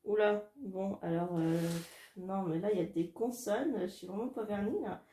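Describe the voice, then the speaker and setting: A woman from France thinking aloud in a casual solo video, soft-spoken and hesitant, laughing often as she draws cards and dice. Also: mid-range voice, moderate pace, reverberant, noisy background. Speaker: illustrator doing card and dice draws.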